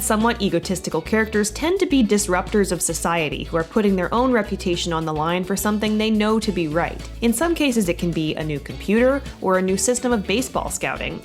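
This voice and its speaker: A woman narrates a film essay in a brisk, wry voice. Her pitch moves freely and expressively. Faint music plays underneath. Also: expressive. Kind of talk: scripted narration.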